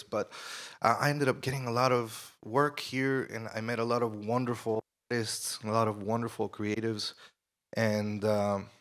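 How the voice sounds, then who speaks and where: Ecuador-born man, low voice, relaxed and rambling panelist on a handheld mic. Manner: relaxed, with many fillers and restarts. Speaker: panelist, studio manager and engineer. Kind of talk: conference panel talk. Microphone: shared handheld mic.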